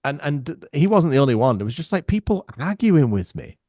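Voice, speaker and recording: A middle-aged man chatting casually as a podcast guest, telling lively stories and acting out what other people said. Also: fairly high pitch, brisk, no echo, clean studio sound. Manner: animated, acts out other people's voices. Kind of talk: casual storytelling chat.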